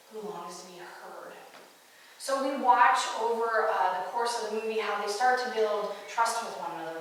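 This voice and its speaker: A woman's voice: a little high, fairly bright tone, slight background noise. Woman preaching in an echoey church. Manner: earnest storytelling. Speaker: pastor. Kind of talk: sermon. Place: church sanctuary. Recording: echoey church hall, far-off mic.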